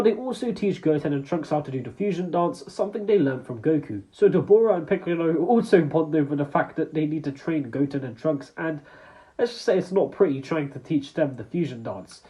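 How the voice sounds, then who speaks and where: Chatty man with a higher voice. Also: dark tone, poor audio. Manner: upbeat and chatty, loose retelling. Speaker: YouTube creator. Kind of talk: casual narration of a fan-made story.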